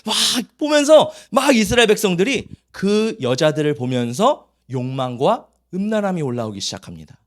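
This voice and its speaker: A man's voice: high voice, big pitch swings, moderate pace, hardly any pauses. A male pastor preaching a Sunday sermon, telling stories and acting out children's voices.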